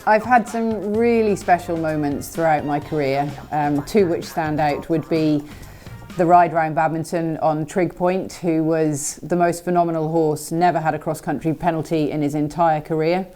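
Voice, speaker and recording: A middle-aged event rider who grew up in Scotland speaks with a low voice in a filmed interview, faint music playing underneath. Her delivery is relaxed and thoughtful, dotted with pauses and fillers.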